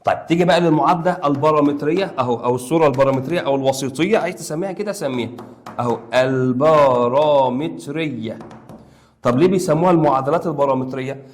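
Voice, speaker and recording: A young man with an Egyptian Arabic accent, teaching a math lesson online in a playful, coaxing way and talking to his students like friends. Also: on the high side. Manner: rapid, playful and coaxing, talks to students as pals.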